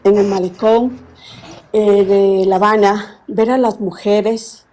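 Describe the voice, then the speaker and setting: Sixties woman caller, warm low-key tone, earnest, hunts for words. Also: fairly even intonation, slow pace, rough recording. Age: 60s. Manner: earnest, rambling, searches for words. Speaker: caller on a live stream. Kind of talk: casual call-in chat.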